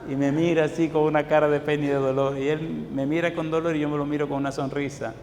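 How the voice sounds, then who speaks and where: A male pastor with a somewhat high voice delivers a sermon, pressing listeners with repeated rhetorical questions and personal stories. The voice rings around a roomy hall with a long tail of reverb. A faint hum of background noise sits underneath. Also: level tone, quick pace, darkish tone. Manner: storytelling from his own life. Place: church hall.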